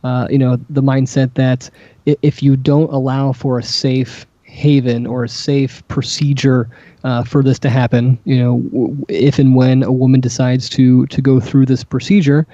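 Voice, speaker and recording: A man co-hosting a casual panel discussion, talking haltingly with many fillers and restarts. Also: medium pitch, level tone, dark tone, dry recording. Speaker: co-host. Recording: dull lo-fi sound.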